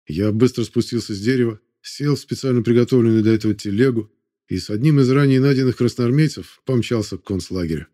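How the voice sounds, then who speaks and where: A man narrating a war novel audiobook in a steady, measured reading. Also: medium pitch.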